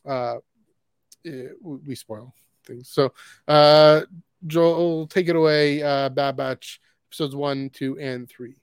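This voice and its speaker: A man's voice: a little high, fairly even intonation, slow, clean tone, no room sound, studio quality. A man from Canada co-hosting a live podcast in casual chat, rambling through plugs and correcting himself as he goes. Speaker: podcast co-host.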